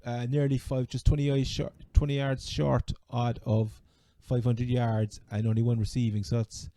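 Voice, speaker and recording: A man with a Cork Irish accent chatting casually as a sports podcast host, halting and repeating words as he goes. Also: mid-range voice, level tone, warm tone, a little hiss or hum. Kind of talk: casual fantasy American football chat.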